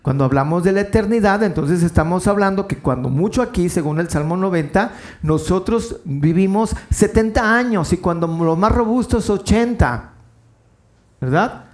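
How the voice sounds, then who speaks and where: A man preaching a sermon as pastor, telling a story with lively swings in his delivery and acting out the quoted voices. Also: sits high, moderate pace.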